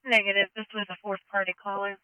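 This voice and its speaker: A woman's voice: mid-range voice, flat delivery, fast, clean tone, dry recording. A woman dispatcher relaying calls in clipped phrases over a lo-fi police radio.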